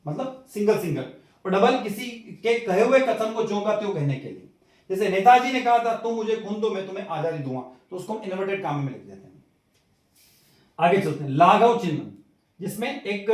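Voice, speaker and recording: A man teaching a recorded video lecture, who asks questions and then answers them himself. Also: high voice. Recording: very echoey room, far from mic.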